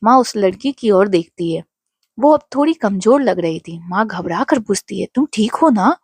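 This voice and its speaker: Brief: woman storyteller, emotional devotional narration, mid pitch, dry. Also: expressive, moderate pace, a little mellow, slightly rough, no room sound.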